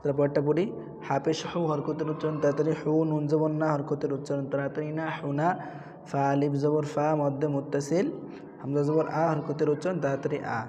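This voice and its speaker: A male Quran reading teacher spells out each letter and vowel mark, then chants the whole word slowly and repeats it. His voice is mellow and sits a little high for a man. The recording has a long reverb tail and a faint hiss of background noise. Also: level tone. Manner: patient, repetitive, spells letters then chants words in a raised drawn-out voice. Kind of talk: spelling out and drilling Quran recitation.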